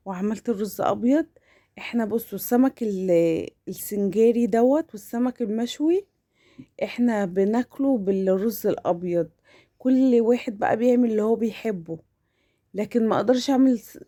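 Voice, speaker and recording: Mellow-voiced Egyptian Arabic woman vlogger. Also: mid-range voice. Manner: hesitant, repeating and restarting words; familiar, addresses viewers as family. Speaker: home vlogger. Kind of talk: casual chatty voice-over of household routine.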